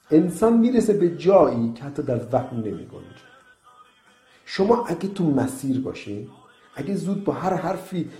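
A man's voice: medium pitch, dark tone. A man giving an earnest, exhorting motivational sermon to young people, telling a story to make his point. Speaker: preacher addressing young people. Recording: echoey room with faint music. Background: faint music.

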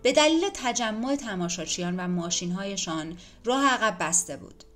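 A woman's voice: mid-range voice, animated, fairly bright tone. Woman narrating a dramatic audiobook. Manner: measured, dramatic storytelling. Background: faint music.

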